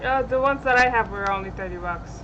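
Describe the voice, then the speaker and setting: A woman streamer chatting casually about games, recorded on a rough webcam microphone. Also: mid-range voice, a little fast, highs cut off. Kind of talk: casual gaming stream chat. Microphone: webcam mic. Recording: noisy cheap webcam mic, peaking.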